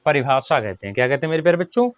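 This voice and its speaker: A man teaching a grammar lesson to children, who asks a question and then answers it himself, and slows right down to dictate definitions. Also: mid-range voice, expressive, no echo, dull audio.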